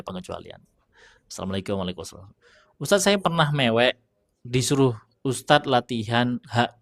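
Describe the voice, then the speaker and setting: A man gives a live online recitation lesson, answering viewer questions in a relaxed, chatty tone. He slows down to sound out single letters again and again for his listeners to copy. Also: mid-range voice. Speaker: Quran recitation teacher.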